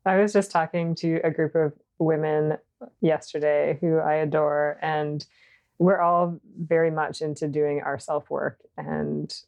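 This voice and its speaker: A woman's voice: low voice, flat delivery, unhurried, vocal fry, darkish tone, dull audio. A woman hosting an interview podcast, affirming and encouraging as she asks her guest questions. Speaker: podcast host. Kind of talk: casual interview conversation.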